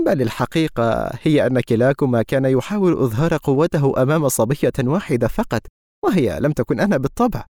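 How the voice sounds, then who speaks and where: A man's voice: mid-range voice, animated, fast talker, a little mellow, no room sound, clean studio sound, close to an everyday voice. A man reading an audiobook, voicing a guarded, teasing young woman with a mocking manner. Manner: sarcastic, mocking.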